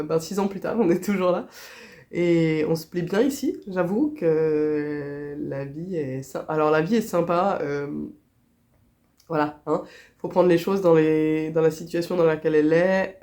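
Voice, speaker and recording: A woman's voice: lowish voice, mellow. Nasal Swiss woman with a cold. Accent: Swiss French. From Switzerland. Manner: chatty, laughs often, many fillers. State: stuffy nose from a cold. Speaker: crochet vlogger. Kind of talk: casual chat.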